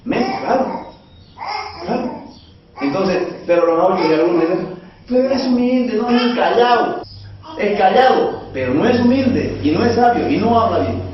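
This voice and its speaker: A man's voice: high voice, expressive, moderate pace. A male preacher, giving a conversational sermon and asking the congregation rhetorical questions. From Bolivia. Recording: echoey, dull sound from far off.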